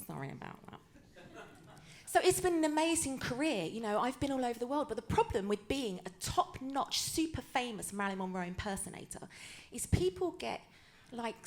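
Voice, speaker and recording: A woman, a comedian, telling stories in a chatty, self-mocking way in a live stand-up show. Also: a little high. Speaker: comedian and impersonator.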